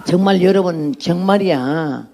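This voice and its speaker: A woman's voice: fairly low pitch, a little slow, warm tone, slight background noise. A woman in her eighties, a missionary, giving a blunt and emphatic testimony sermon. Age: 80s.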